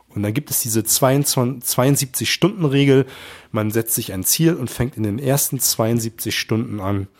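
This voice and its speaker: A man's voice: mid-range voice, darkish tone. Man, 30s, stuffy cold voice, podcast host, motivational, earnest, direct address. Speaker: podcast host, sales coach.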